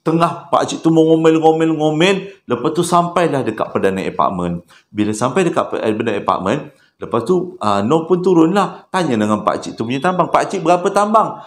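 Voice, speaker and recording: A man's voice: fairly high pitch, moderate pace. A man with a Malaysian Malay accent telling a horror story in a chatty way, acting out the characters. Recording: roomy echo.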